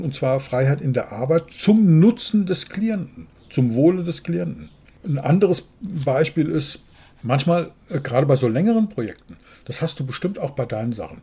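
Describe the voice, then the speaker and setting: Blunt, husky man. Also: a little high. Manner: blunt, outspoken, animated storytelling. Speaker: business consultant, podcast co-host. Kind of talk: casual podcast conversation.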